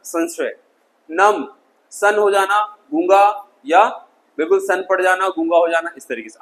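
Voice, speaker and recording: A man gives an energetic video lesson on English pronunciation, working through words on a board. His voice sits high for a man. He hammers points home by repeating words. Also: poor audio. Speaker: English teacher.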